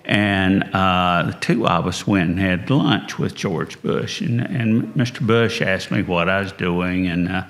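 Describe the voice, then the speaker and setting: An older man with a slow Southern drawl tells stories as an interview guest. His voice sits very low, with a gravelly, creaky grain. He takes his time and lets each sentence settle. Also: fairly bright tone. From North Carolina, US. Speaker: guest, business founder. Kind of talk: storytelling in an interview.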